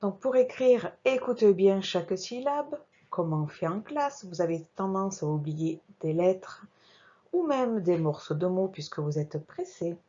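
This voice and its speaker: A woman teacher giving a slow, careful reading lesson to young children, spelling out each sound while working on screen. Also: medium pitch, expressive, mellow, slightly rough, muffled recording. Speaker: primary school teacher.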